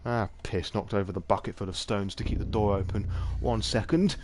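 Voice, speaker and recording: Rambling low-voiced man. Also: fairly even intonation, brisk, noisy background. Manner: rambling, self-deprecating asides. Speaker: host reading a visual novel on stream. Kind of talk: casual live-stream reading with asides. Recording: music playing behind.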